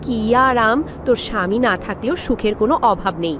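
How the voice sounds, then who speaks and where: A woman's voice: fairly high pitch, normal speed, background noise, natural voice. A woman voicing a spiteful, bossy sister-in-law who scolds and sneers in a cartoon drama. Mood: scolding, sarcastic. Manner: scolding, sarcastic.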